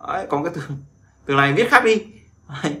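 A man's voice: fairly high pitch, animated, bright, forceful tone. A man teaching a casual vocabulary lesson, chatting and drilling words again and again. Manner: repeats words in drawn-out drills, chatty asides. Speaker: Chinese language teacher.

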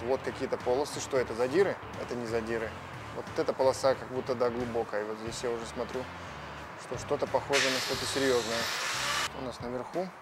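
In a very noisy setting, a car vlogger talks fast in a steady, mid-range voice. Chatty and casual, he explains his car engine at a service garage, indoors and outside by the car.

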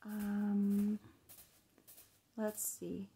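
A woman patiently helping a child with reading, gently prompting and explaining words in casual talk. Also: medium pitch, level tone, very slow, creaky, breathy edge. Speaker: parent helping a child read. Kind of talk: casual reading coaching at home.

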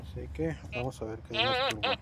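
A man's voice: a little high, big pitch swings, quick pace. A man with a Mexican accent chatting to viewers as he searches with a metal detector outdoors beside a river, repeating himself as he points things out. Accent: Mexican Spanish. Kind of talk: casual narration to viewers while detecting. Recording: loud outdoor background noise. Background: loud outdoor ambience.

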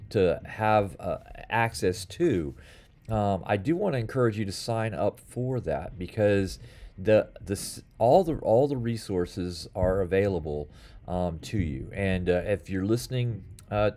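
Deep-voiced man in his fifties, pastor, rambling church announcements, lots of uh and um, recorded at a desk in a small office. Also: darkish tone. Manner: rambling, many fillers and restarts. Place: small office with bookshelf and blinds. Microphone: webcam or phone at desk, close framing.

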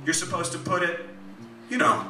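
A man's voice: on the high side, sing-song, normal speed, over music, pitched above the performer's own voice. A man doing a sheepish, eager husband. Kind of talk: live comic fiction reading. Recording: echoey club, mic at a distance.

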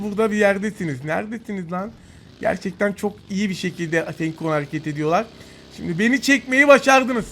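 A man commentating his own mobile shooter match, excitable and taunting his opponents, with bursts of yelling. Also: high voice, a little hiss or hum. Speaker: mobile game YouTuber. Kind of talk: gameplay commentary.

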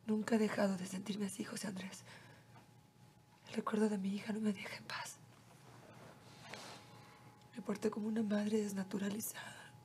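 An actress playing a remorseful woman who speaks in a hushed voice about the daughter she abandoned. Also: a little high, moderate pace, a little hiss or hum, natural voice. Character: guilt-ridden woman mourning an abandoned daughter. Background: soap opera background music.

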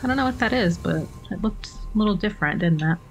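This is a fast-talking, animated woman with a medium-pitched voice, streaming a video game. Her commentary is casual and rambling, full of self-mocking asides, and game music plays behind her.

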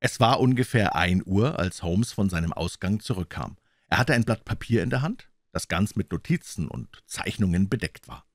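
A man narrating a classic detective story as an audiobook reader, in a measured storytelling delivery. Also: deep voice, expressive, dry recording, studio quality.

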